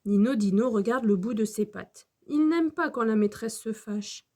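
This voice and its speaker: A woman storyteller reading a children's storybook aloud in a slow, gentle manner. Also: fairly high pitch.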